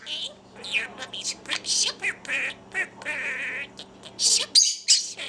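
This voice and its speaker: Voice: high-pitched, lively intonation, takes it slowly. A talking pet budgie mimicking affectionate phrases in a chirpy, squawky, indistinct voice, repeating itself in a noisy home recording.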